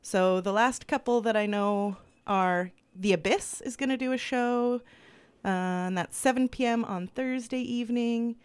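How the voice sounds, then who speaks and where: A woman's voice: on the high side, unhurried, smooth, no echo. A woman co-hosting a radio show early in the morning, sleepy but chatty as she rattles off upcoming events. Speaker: radio co-host. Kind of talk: casual radio announcements.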